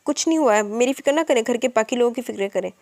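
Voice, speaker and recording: A woman's voice: a little high, quick pace, a little mellow, no echo, lightly acted. A woman reading the curt, annoyed lines of an irritable young man.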